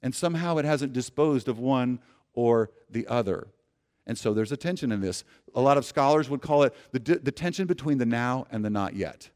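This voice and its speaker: A pastor preaches a sermon with earnest, expressive delivery at normal speed, asking his congregation to repeat lines aloud. He often restarts phrases and repeats words, swinging between loud emphasis and soft, low endings.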